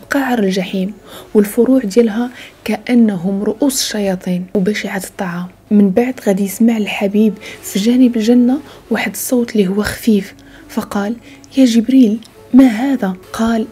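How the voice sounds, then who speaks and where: A woman with a Moroccan Arabic accent telling a religious story in a soft voice that often slips into a hushed whisper. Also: mid-range voice, breathy edge.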